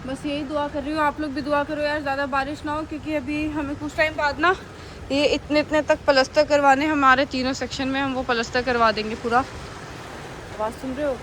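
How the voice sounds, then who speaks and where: Speaking briskly in a high, fairly bright, level voice, a woman who runs an animal shelter talks casually to her viewers. She's careful with her words to avoid tripping over them, and the noisy phone audio has rain in the background.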